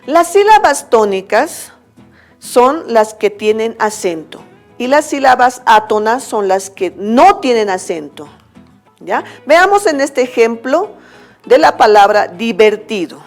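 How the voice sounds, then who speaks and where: A woman's voice: on the high side, very animated, slow, soft background music. A woman teacher with a Bolivian accent, giving a recorded school lesson step by step and often checking in with her students. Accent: Bolivian Spanish.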